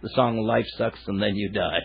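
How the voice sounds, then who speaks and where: An older man from Wales with a gravelly, somewhat low voice. He rambles through relaxed anecdotes, pausing on fillers. The sound is narrow and phone-like. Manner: rambling, hesitant storyteller with many fillers. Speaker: songwriter guest.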